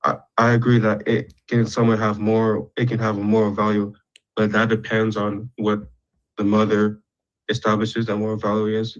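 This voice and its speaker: A man calling into an online debate, measured and laying out his points one by one. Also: fairly low pitch, completely flat delivery. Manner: measured, lays out points in order. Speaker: debate caller. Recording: dull lo-fi mic.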